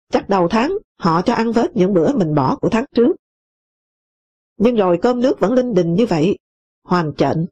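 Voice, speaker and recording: Dark-toned woman reading a memoir. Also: a little high, no room sound. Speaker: audiobook reader. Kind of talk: scripted memoir narration. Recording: dull lo-fi dry recording.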